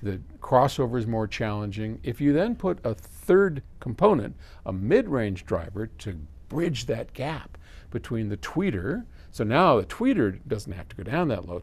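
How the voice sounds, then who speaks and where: An American man in his seventies, presenting for an audio company, answers a viewer question to camera in a small indoor electronics workshop. He explains casually and conversationally with simple examples and asides, in a slightly mellow, medium-pitched voice with big pitch swings at a moderate pace.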